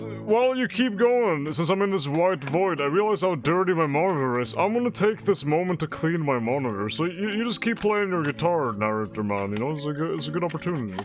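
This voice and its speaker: A man streaming a game, chatting casually in a deadpan, offhand way. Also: a little high. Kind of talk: casual chat while gaming. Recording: game guitar music playing behind.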